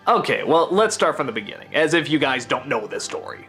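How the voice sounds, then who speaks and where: Animated gushing male film critic. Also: mid-range voice, brisk, faint music behind. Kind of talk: comedic film review commentary.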